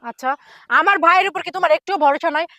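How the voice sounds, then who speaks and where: An actress playing a reassuring but defensive young daughter-in-law in a family drama, talking in an insistent, conversational way. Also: female voice, very high voice, racing, pushed and bright, dry recording. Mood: impatient reassurance. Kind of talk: Bengali family TV drama acting.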